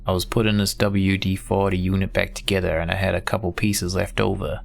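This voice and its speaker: A man's voice: deep voice, little pitch movement, brisk, gravelly. A man giving casual game commentary and reading dialogue aloud as he plays. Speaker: gamer playing through an adventure game.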